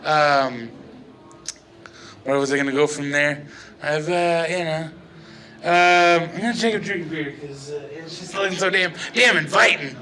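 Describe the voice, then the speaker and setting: A man's voice: fairly high pitch, measured pace, pushed and bright, low-quality recording. A young man doing a rambling, profane stand-up set on a small bar stage, often laughing at his own jokes. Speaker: stand-up comedian. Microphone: old-style handheld stage mic.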